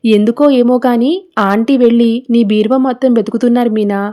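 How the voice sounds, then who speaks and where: A sharp-tongued young woman firing back in anger, as a woman narrator puts her on. Mellow and a touch high. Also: fairly even intonation, a little fast, natural voice. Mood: angry. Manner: angry, retorting.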